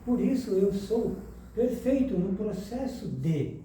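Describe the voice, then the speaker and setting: A man delivers a spiritual lecture in a lively way, firing questions at his listeners and teasing them. His voice sits a little high. It comes from some way off in a very echoey room, with steady noise behind it. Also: slow pace, recorded from a distance. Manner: lively, questions the audience and jokes. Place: lecture hall.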